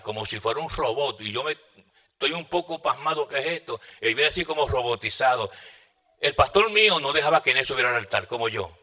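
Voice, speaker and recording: A man preaches a sermon, recounting a testimony with dramatic flair. His voice is bright and ringing at an ordinary pitch. He swings between loud, urgent bursts and quiet, hushed asides.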